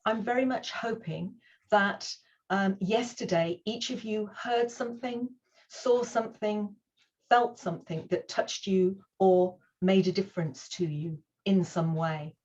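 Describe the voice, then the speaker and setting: A woman's voice: medium pitch, unhurried, a little mellow, dull audio. A woman hosting an online conference over a video call, speaking in an earnest, reassuring way as she opens the day and introduces the first speaker. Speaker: conference host.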